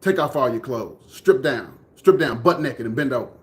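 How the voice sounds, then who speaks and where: A man's voice: medium pitch, lively intonation, moderate pace, lightly acted. A man re-enacting a threatening grown man, barking orders in a raised voice. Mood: commanding. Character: menacing grown man, store security type.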